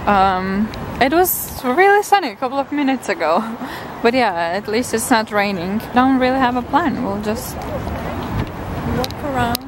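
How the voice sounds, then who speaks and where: A young woman vlogging casually while she shops and walks through a city, excitedly gushing over what she finds, recorded on a handheld camera. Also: fairly high pitch, a little slow, background noise. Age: young adult. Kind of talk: casual vlog narration. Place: shops and streets of a city, indoors and out. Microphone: handheld camera mic.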